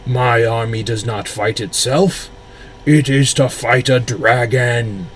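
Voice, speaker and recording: A man voicing a stern, imperious army commander who booms his orders. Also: takes it slowly, slight background noise, close to an everyday voice. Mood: booming. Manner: booming, commanding shouts.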